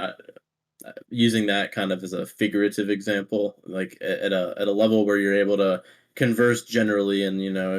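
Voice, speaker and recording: Podcast co-host, male, lower voice, loose rambling casual chat. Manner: rambling, restarts often, laughs easily.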